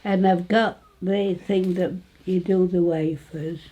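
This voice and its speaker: A woman in her nineties with an East Midlands English accent, reminiscing informally in a halting way, with phrases that trail off. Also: on the low side, steady tone, mellow. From Retford, England. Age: 90s. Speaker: interviewee recalling her life.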